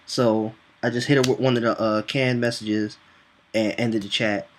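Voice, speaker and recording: A man's voice: on the low side, normal speed, a little hiss or hum. A young man telling a casual, profane story from his customer-service job and acting out both sides of the dialogue. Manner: animated, profane, acts out dialogue in voices. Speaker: vlogger telling a work story.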